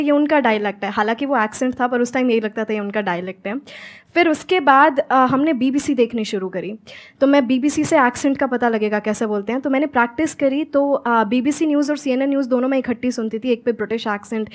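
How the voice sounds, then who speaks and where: A young woman from Haryana, a guest giving earnest answers in an interview and mixing Hindi with fluent English. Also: sits high. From Haryana, India. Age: young adult. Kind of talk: answering interview questions on stage.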